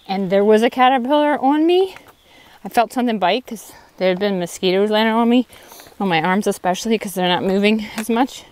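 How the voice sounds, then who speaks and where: A thru-hiker vlogger walks a forest trail outdoors, talking casually and candidly to a handheld phone camera. Her mid-range voice is clear and resonant with a darkish tone, and her chatty walking narration sounds a little tired.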